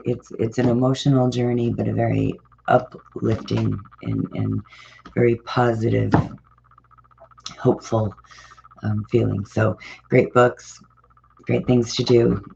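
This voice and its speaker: An American host from Ohio with a gravelly smoker's rasp, giving casual, rambling, upbeat community announcements. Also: medium pitch, darkish tone. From Ohio, United States. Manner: rambling, informal, upbeat encouragement. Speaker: host of a local community events show. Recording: dull, muffled lo-fi sound.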